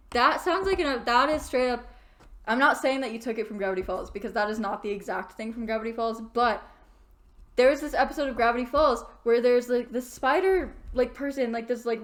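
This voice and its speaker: A young woman vlogs from her bedroom, telling a long story in a casual, rambling way. Her voice sits a little high. She trips over restarts and leans on filler words as she goes. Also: normal speed. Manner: rambling, animated, lots of fillers like "like". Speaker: vlogger.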